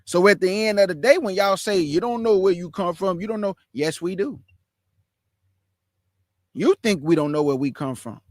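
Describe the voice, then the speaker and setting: A man's voice: sits high, normal speed, pauses often, no room sound, studio quality. A man from Houston gives impassioned reaction commentary, emphatic and repetitive, calling his listeners family. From Houston, Texas, USA. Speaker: commentator reacting to a sermon clip.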